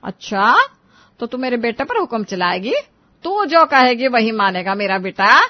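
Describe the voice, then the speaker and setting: A woman voicing a bossy, taunting older mother-in-law in an animated story, scolding and complaining. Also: on the high side, unhurried, lo-fi sound. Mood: angry.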